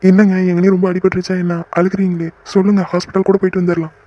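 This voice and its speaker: A man voicing young men in a Tamil-language cartoon, with quick teasing banter. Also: high-pitched, flat delivery, dull audio.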